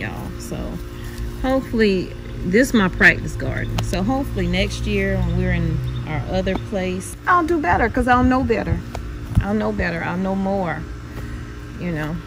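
A woman's voice: mid-range voice, expressive, moderate pace, over music, low-quality recording. A woman casually walking viewers through her backyard garden, chatty and exclamatory, calling them y'all. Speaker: home gardener vlogger.

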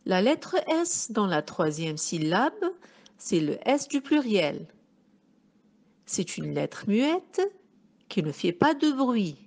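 A woman teacher giving a phonics lesson to young children, sounding out words syllable by syllable. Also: medium pitch. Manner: slow, syllable-by-syllable dictation, addressing pupils warmly as children.

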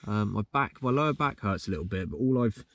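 A man's voice: fairly low pitch, animated, fast talker, fairly bright tone. A young man chatting casually to camera from inside his car, rambling with many ums and restarts. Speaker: car vlogger. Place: inside a parked and moving car. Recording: distant mic with clear car noise.

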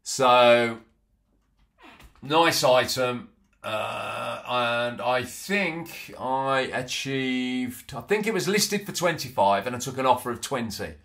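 Filmed indoors at his home office desk, a middle-aged antiques reseller casually walks through his finds, stumbling into ums and restarts along the way. His mid-range voice is slow and creaky yet a bit bright, with lively intonation.

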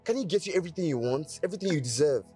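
A man's voice: on the high side, animated, very fast, dark tone, faint music behind, natural voice. A man with a Nigerian English accent playing an insistent suitor who pleads for a woman's attention in a film drama. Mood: pleading. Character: persistent male suitor Mister Dennis.

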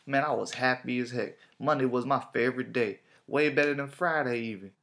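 A man's voice: mid-range voice, brisk, a bit bright, a little hiss or hum. A man giving a casual motivational talk to camera, slangy and repetitive in his phrasing. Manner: casual, repeats himself, slangy. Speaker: vlogger.

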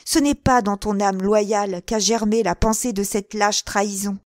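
Storybook seductress, put on by a woman narrator: passionate, scheming, slow and dry. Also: a little high, darkish tone, no room sound. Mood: reproachful. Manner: passionate, feverish, rising to cries.

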